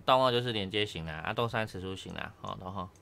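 A man's voice: on the low side, fast talker, creaky, a bit bright, slight background noise. A man teaching Japanese grammar one-on-one, casually checking understanding with tag questions.

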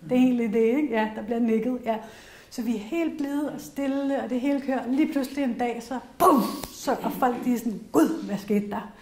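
A woman's voice: fairly high pitch, steady tone, dark tone. A middle-aged woman with a Danish accent giving a casual workshop talk to a small group, chatty and candid, with frequent fillers and personal anecdotes. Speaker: workshop presenter on essential oils. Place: workshop room with an audience. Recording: roomy echoey workshop room.

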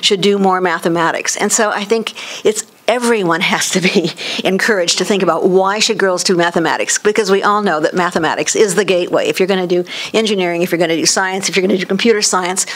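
A woman's voice: fairly low pitch, steady tone, fast talker, hardly any pauses. An academic woman on a panel, telling anecdotes in a chatty way and laughing often. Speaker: panelist, professor. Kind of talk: storytelling on a panel. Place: lecture room.

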